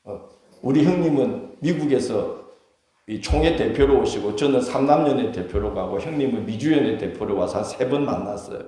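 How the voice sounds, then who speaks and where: A man's voice: medium pitch, moderate pace, dark tone. A male pastor with a Gyeongsang accent, preaching a Sunday sermon in a conversational way and quizzing the congregation with questions. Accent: Gyeongsang Korean. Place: church sanctuary. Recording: very echoey church hall.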